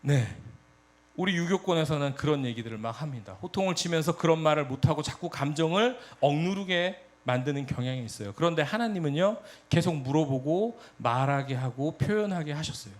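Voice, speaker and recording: Animated Korean youth preacher. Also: male voice, on the high side, a little fast. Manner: animated storytelling, addresses audience directly. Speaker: youth pastor. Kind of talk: sermon.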